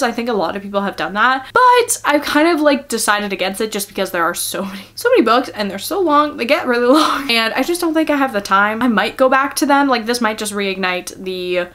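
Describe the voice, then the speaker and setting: A young woman book vlogger chats casually to her viewers, gushing and giggling and packing her speech with fillers, especially "like." Her voice is slightly high and a bit bright.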